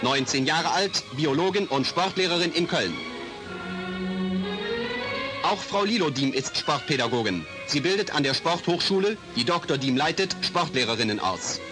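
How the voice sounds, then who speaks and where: A man's voice: fairly high pitch, animated, normal speed. A man announcing in a formal 1950s newsreel narration style, heard as an old newsreel soundtrack. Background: music.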